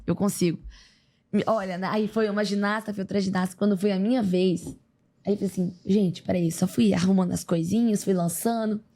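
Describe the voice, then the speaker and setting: A woman's voice: medium pitch, brisk. A young Brazilian woman, an athlete, animatedly retelling her story in a casual interview, acting out what others said. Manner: lively, animated retelling with quoted voices. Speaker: podcast guest, athlete.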